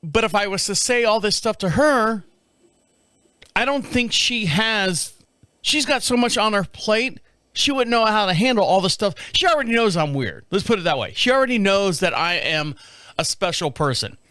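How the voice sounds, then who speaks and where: A man's voice: high-pitched, lively intonation, normal speed, bright, forceful tone, clear, resonant tone, no echo. A man in his fifties hosting a solo podcast from a studio, rambling and repeating himself, laughing often. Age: 50s. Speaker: podcast host. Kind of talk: casual solo monologue.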